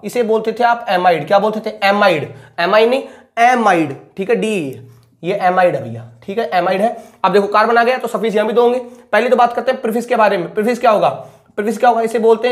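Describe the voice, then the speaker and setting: A male chemistry teacher recapping a lecture, who asks each question twice and then answers it himself. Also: sits high.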